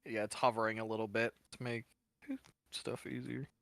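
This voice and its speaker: Rules-referee guy for a tabletop stream, bright voice, casual, dry close mic. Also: lowish voice, little pitch movement, normal speed, gravelly, no echo. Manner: explains rules with loose restarts and dark jokes. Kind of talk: casual game-table chat.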